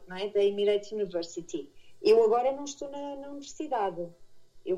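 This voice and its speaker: The recording is low quality, capturing a fairly high-pitched, mellow voice. It belongs to a middle-aged expatriate aviation instructor from Madeira with a Portuguese accent, chatting casually as an interview guest and correcting herself while recounting stories.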